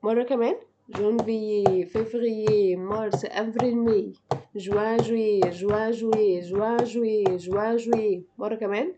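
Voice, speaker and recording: A woman teacher with an Egyptian Arabic accent, giving a language lesson and repeating each word slowly and clearly. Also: fairly high pitch, muffled recording, heavy background noise. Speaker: French teacher. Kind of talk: slow drilling language lesson.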